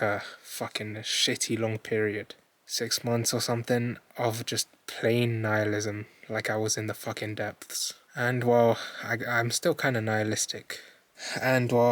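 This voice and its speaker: A young man recording a candid video diary, rambling and hesitant, swearing casually, sounding low and dejected. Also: a bit bright. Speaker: vlogger.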